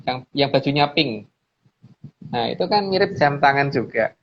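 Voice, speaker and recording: A guest speaker with an Indonesian accent talks through his slides in a casual way, his medium-pitched voice animated and moderately paced as he emphatically repeats phrases. The audio is dull and lo-fi, with noise in the background.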